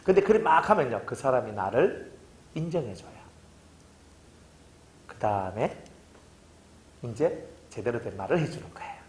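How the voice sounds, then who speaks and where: A pastor giving a casual sermon, telling stories and acting out both sides of conversations. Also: male voice, mid-range voice, moderate pace, long pauses. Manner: lively storytelling preacher, acts out dialogue.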